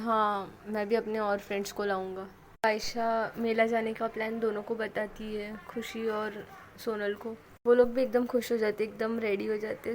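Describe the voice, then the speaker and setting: A woman's voice: fairly high pitch, a little mellow, long reverb tail, a little hiss or hum, poor audio. A woman telling a love story, narrating and quoting each character's lines in a casual way. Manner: quotes the characters' lines with a lift, but stays close to her own voice.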